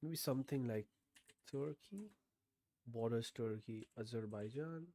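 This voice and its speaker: Slow, mellow-voiced man streaming a game. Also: mid-range voice, dry recording. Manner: thinks aloud, swears often, bursts of disbelief. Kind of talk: casual game commentary.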